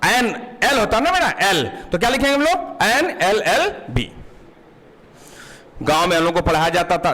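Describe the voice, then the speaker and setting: A man's voice: on the high side, fairly bright tone. A man with a Hindi accent teaching English grammar for exam prep, calling students "beta" and quizzing them with questions.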